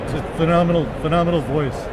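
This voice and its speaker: Man playing a goofy puppet fan, high voice, stammering, gushing, excitable interviewer, noisy street behind. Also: fast, close to an everyday voice. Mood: eager, fannish.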